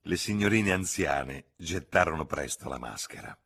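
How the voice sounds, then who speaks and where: A man from Italy reading a novel aloud, in measured, expressive literary narration. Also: rumbling low, gravelly, slightly rough. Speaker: audiobook reader.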